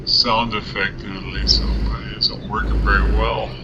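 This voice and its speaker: A man's voice: lowish voice, little pitch movement, unhurried, highs cut off, heavy background noise. A man talking through a cheap voice changer that morphs his voice, muttering rambling asides during casual gameplay commentary. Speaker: gamer.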